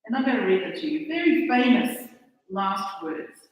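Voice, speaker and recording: She's an Australian woman with an Australian accent giving a conference talk, chatty and self-deprecating, with halts and restarts. Her fairly high voice is expressive at normal speed, recorded from a far-off mic in an echoey hall.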